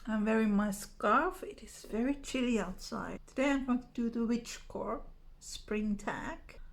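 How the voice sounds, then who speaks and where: A native Finnish speaker from Finland, this woman vlogs in English with a Finnish accent, chatting casually and unhurriedly to camera as she answers tag questions. Her voice is on the high side, with vocal fry and a measured pace.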